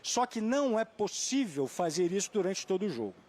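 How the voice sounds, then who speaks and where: A man's voice: sits high, very animated, a little fast, a little mellow. Man analysing football tactics. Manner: thoughtful, hesitant, searching for names. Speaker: football pundit. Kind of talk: studio sports analysis.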